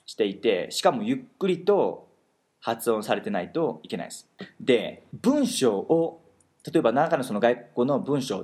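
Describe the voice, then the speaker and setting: A man hosting a talk, explaining pronunciation in an animated way and slowing down on key words for emphasis. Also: mid-range voice, husky. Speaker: host teaching pronunciation. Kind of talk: explanatory chat.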